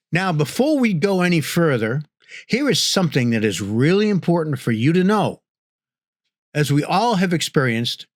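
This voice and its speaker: A man from northern New England narrating a scripted guide to local culture, measured and explanatory, with playful asides. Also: a little high, dry recording, studio quality.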